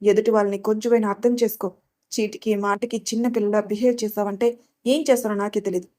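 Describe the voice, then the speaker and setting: An angry young man, his words coming out harsh and cutting, as a woman reads him in a storybook voice. He snaps and scolds with a steady, middling pitch. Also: quick pace, lightly acted. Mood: furious scolding. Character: hot-tempered young man, angry lover.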